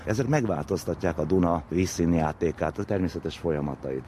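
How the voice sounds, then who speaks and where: Deep and warm, this man's voice carries an expert's informal explanation, lecture-like and rich with vivid comparisons. He's an interviewee, and faint ambient noise is audible in the background.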